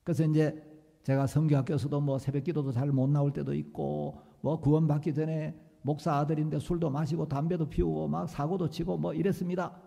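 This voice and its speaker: A male pastor telling a story in a sermon, animated and acting out the dialogue. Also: a little high, a little fast, vocal fry, slightly rough, long reverb tail.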